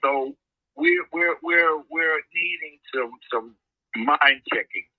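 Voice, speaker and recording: Older guy calling in over a tinny phone line, halting, repeats himself a lot, dry sound. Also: on the high side, huge pitch swings, dry recording. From Chicago. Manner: halting, repeats words while reminiscing. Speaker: caller. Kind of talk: call-in radio talk.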